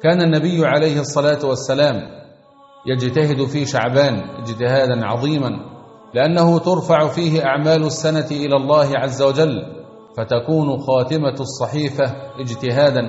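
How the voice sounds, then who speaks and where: A man's voice: medium pitch, fairly even intonation, fairly quick, darkish tone. Earnest preacher man in an echoey hall. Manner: earnest exhorting, rhythmic repetition. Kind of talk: sermon. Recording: echoey long reverb, dull sound, faint music.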